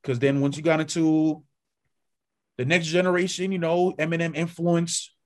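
A man's voice: fairly high pitch, level tone, normal speed. A man co-hosting a podcast in casual chat, rambling with many restarts and perking up when he lists names. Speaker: podcast co-host.

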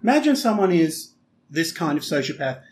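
A man with a slightly higher speaking voice co-hosts a chatty podcast and argues his points with emphasis. He drifts into stories and hypotheticals with quick asides. There is a faint hiss of noise behind him. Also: very animated, darkish tone. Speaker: podcast co-host. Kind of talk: casual opinionated chat.

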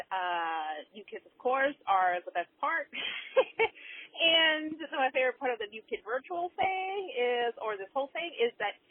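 Excited woman leaving a gushing voicemail. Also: a little high. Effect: leaving a voicemail over the phone. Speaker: caller. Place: in a car, driving. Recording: tinny phone-line voicemail.

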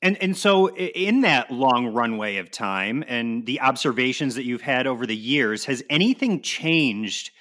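A man co-hosting an interview, asking measured questions with a few restarts. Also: mid-range voice, expressive, bright, forceful tone. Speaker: interview co-host. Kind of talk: interview chat.

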